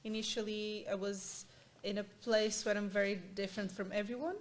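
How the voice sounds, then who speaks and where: A woman speaks as an interview guest, at an ordinary middle pitch for a woman. Her delivery is halting and searching, full of ums and restarts. A faint hiss of noise runs under her voice. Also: steady tone. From Portugal and Angola. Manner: hesitant, halting, with many fillers and restarts. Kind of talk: casual interview chat.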